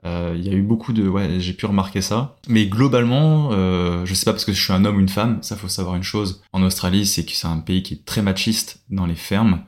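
A man's voice: low voice, a little fast, hardly any pauses. A young man from France, a podcast guest chatting casually, hesitant with many fillers and restarts. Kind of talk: casual interview chat.

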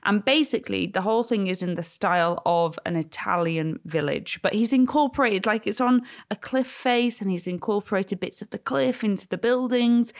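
Young woman from North Wales, casual travel vlogger, playful teasing delivery. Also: medium pitch. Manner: teasing, chatty. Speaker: travel vlog co-host. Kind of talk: casual chat.

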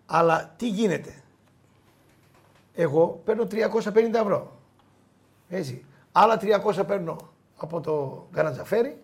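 Middle-aged guy with a fairly high voice, chatty, acts out what people said, laughs a lot. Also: gravelly, pauses often. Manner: animated anecdotes, quotes people in lively voices, laughs often. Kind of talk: casual storytelling.

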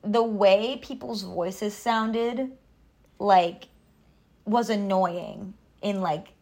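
A woman's voice: mid-range voice, very slow, a little mellow. Giggly woman chatting casually. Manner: giggly, loose and joking. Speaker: podcast co-host. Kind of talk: casual movie-watch chat.

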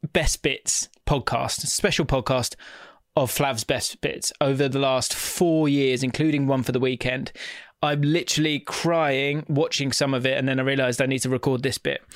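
A man's voice: mid-range voice, no room sound, clean studio sound. Effusive man hosting a podcast. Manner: effusive, gushing. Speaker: podcast host. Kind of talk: casual, rambling appeal to listeners.

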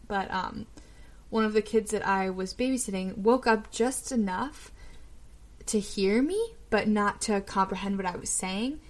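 Young woman, casual storyteller, chatty and rambling with fillers, mid-pitched voice. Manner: chatty, many fillers and restarts.

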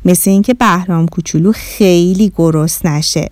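A woman voicing a kind mother gently calling her children. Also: lowish voice, no echo, clean studio sound, voice pushed down, natural voice. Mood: gentle.

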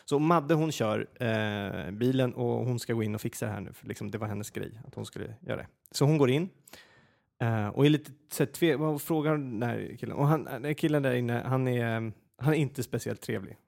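A man telling a personal story in a casual podcast chat, animated and full of fillers and restarts. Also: medium pitch, vocal fry.

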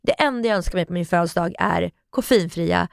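A woman's voice: vocal fry, no echo, clean studio sound. A woman in her thirties co-hosting a casual podcast, telling stories vividly and acting out what people said. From Sweden. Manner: animated storytelling, acting out quotes with big pitch jumps. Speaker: podcast co-host. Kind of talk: casual chat.

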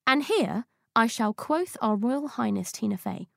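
A woman reads a personal essay in a playful, witty way, dropping slang with comic timing. Her voice sits a little high and carries a gravelly fry. The recording is close and dry. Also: lively intonation, a little slow, fairly bright tone, no echo. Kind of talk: scripted audiobook essay reading.

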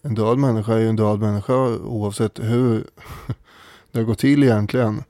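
A man's voice: lowish voice, steady tone, mellow, no room sound, clean studio sound. A man co-hosting a casual history podcast, thoughtful and hesitant, with frequent fillers as he talks. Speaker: podcast co-host.

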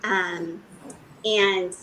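A woman's voice: lowish voice, fairly even intonation, drawn-out words, bright, forceful tone, slight background noise, rough recording. A woman from Los Angeles, a fashion designer, giving rambling interview answers full of fillers and restarts.

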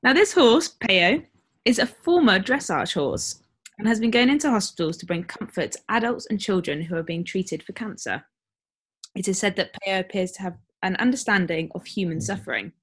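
A woman's voice: mid-range voice, expressive, normal speed, husky. A woman co-hosting a podcast in casual chat, reading out a news story with lots of fillers and laughs. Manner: chatty, laughs often, many fillers. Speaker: podcast co-host.

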